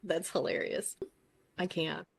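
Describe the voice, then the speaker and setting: A woman's voice: fairly low pitch, steady tone, measured pace, vocal fry, husky. A woman relationship coach hosting an interview, enthusiastic and effusive, with casual swearing.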